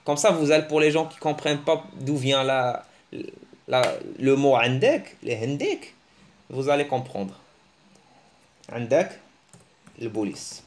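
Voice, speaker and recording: A man giving a casual, joking online language lesson, teasing his viewers and breaking into animated bursts. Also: a little slow, long pauses, slight background noise. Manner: joking, animated, teasing, with sudden pitch jumps. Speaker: language teacher.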